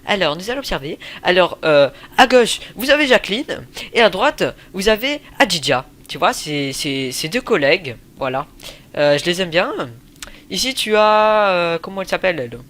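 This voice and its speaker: A man giving casual gameplay commentary, excitable, yelling and swearing at the game between joking asides. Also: sits high, normal speed. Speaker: gaming YouTuber.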